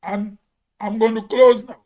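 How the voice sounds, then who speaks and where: A man's voice: sits high, flat delivery, measured pace, dark tone. A Grenadian man giving a spoken commentary in an emphatic, preachy way, as if on radio.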